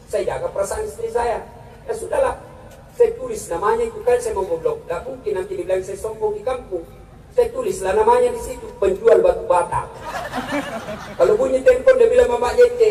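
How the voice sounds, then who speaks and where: A man preaching a humorous sermon to a live audience, joking and acting out quarrels in high and low voices. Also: darkish tone. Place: large hall with a live audience. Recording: echoey, from far off, crowd and noise behind.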